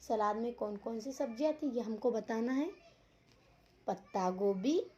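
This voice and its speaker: A woman teaching an online lesson to young children, speaking slowly and deliberately, repeating words and asking questions as she goes. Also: a little high, darkish tone. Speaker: school teacher.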